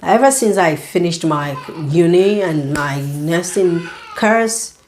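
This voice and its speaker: A young woman, a student nurse, telling a story in a casual vlog, animated and indignant, with lots of "you know". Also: lowish voice, slow pace, slight background noise. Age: young adult.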